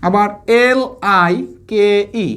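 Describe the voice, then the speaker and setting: A woman's voice: mid-range voice, slow, a bit bright. A woman teacher giving a phonics lesson, patiently spelling out letters and asking her pupils questions.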